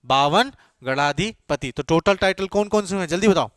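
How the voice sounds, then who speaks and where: Male teacher, somewhat high voice, quizzing a class, repeats answers, dry close sound. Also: fast talker, no echo. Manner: quizzing students, repeating answers, urging them to hurry. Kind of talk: classroom lecture.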